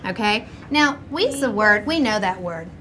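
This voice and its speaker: A woman's voice: mid-range voice, lively intonation, measured pace, pushed and bright. A woman primary school teacher leading an interactive writing lesson, prompting children with instructions and questions. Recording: noisy classroom ambience. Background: room noise and young children.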